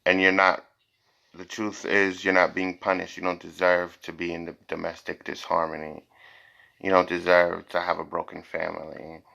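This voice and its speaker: A man with a low, monotone, creaky voice reads tarot cards for his viewers at a moderate pace, his tone pushed and bright over dull audio. As a psychic reader hosting the session, he improvises informally, stays blunt and emphatic, repeats phrases, and swears now and then.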